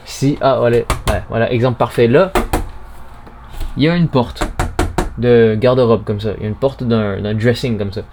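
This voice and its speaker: A man's voice: mid-range voice, normal speed, long pauses, background noise. A man giving a casual, informal product demonstration as host, talking through each step as he goes. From Canada. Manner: chatty, informal, narrates own movements step by step. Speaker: podcast host reviewing audio recorders. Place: small home studio and narrow hallway. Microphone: recorder's internal mic, later binaural in-ear microphones.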